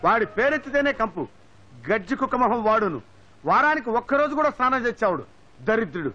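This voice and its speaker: A cheeky cowardly servant. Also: male voice, very high voice, big pitch swings, quick pace, sharp tone, heavily acted. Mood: comic. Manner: comic, whiny and teasing. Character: cheeky comic male servant, cowardly and mischievous. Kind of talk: film comedy acting. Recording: dull lo-fi film soundtrack with music.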